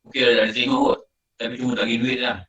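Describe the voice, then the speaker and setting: Racing along with little pitch movement, this middle-aged religious teacher speaks at medium pitch in a slightly bright voice and a Malaysian Malay accent. He tells stories with lots of repetition during a casual, chatty religious talk. The audio is muffled and roomy, captured far from the microphone.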